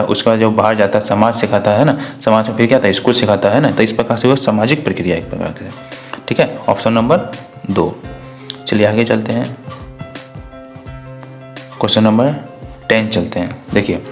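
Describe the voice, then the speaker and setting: Male teacher, mid pitch, walks through test questions and keeps repeating himself, faint music under it. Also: a little mellow. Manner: repetitive, asks and answers his own questions. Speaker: exam prep teacher. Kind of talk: spoken exam walkthrough.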